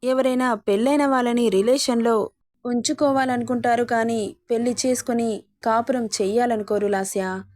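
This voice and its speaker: Female storyteller, scripted drama narration, higher pitch, mellow tone. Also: fairly even intonation, moderate pace, dry recording.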